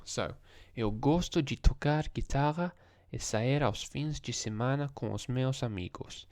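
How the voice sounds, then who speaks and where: A young man, talking in a hushed, tired voice as he thinks aloud through language practice in a casual vlog. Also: medium pitch, moderate pace, no echo, studio quality. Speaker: language learner vlogger. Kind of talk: casual screen-recorded vlog.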